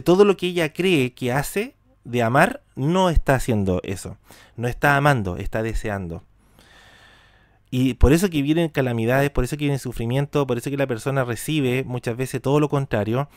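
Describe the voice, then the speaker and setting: A man leads a spiritual lesson on mysticism, putting rhetorical questions to his listeners and repeating words for emphasis. His voice sits at an ordinary pitch for a man. The recording is dry and close, with no room sound. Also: a little mellow, no echo. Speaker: teacher of Hebrew mysticism. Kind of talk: spiritual talk to an audience.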